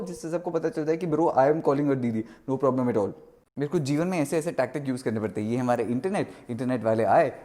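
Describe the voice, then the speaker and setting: A young man talking casually in a vlog, animated, mixing Hindi and English and acting out quotes. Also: fairly high pitch. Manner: animated, mixes Hindi and English, exaggerated quoting. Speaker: vlogger.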